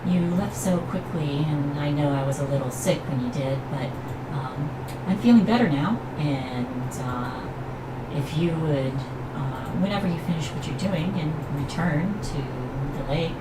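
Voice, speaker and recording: A woman's voice: low voice, a little slow, voice pushed up. A woman voicing a flirtatious, apologetic female dryad in a hesitant, chatty way for a tabletop game. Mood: coy. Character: flirtatious, apologetic female dryad speaking through a messenger sparrow. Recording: roomy, distant, noisy room recording.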